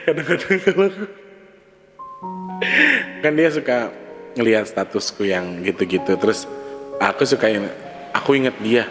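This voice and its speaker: A man talking candidly in a casual confessional monologue, repeating himself and laughing softly now and then. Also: fairly low pitch, lively intonation, moderate pace, pauses often. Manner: candid, repetitive, with frequent soft laughs. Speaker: vlogger. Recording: long reverb with background music.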